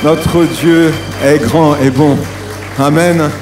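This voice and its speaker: Male worship leader over soft music. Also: on the high side, fairly even intonation, takes it slowly. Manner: exhorts the congregation with calls for amen. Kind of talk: leading worship.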